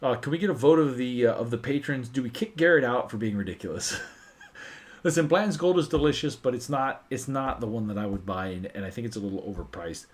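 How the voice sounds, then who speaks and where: Excitable man chatting on a livestream. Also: medium pitch, a little fast. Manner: excitable, swears freely, animated storytelling. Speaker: host of a whiskey livestream. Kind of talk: casual livestream chat.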